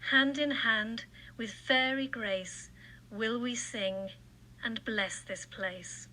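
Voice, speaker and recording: A woman's voice: fairly high pitch, slow, sharp tone, rough recording. A woman playing a graceful fairy queen, speaking verse in a light, sing-song way. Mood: lilting. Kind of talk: recorded stage reading of verse.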